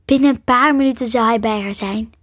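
A woman narrating a children's storybook in a soft, half-whispered voice. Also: fairly high pitch, a little fast, dry recording, clean studio sound. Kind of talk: storybook reading.

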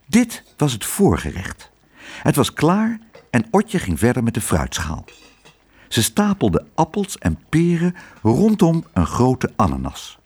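A man reading a children's storybook aloud in an expressive, unhurried way. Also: mid-range voice, breathy edge.

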